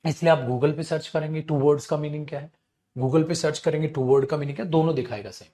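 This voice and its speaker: A man's voice: on the high side, steady tone, fast talker, dark tone. A man teaching an English grammar class online, scolding and teasing his students as he explains.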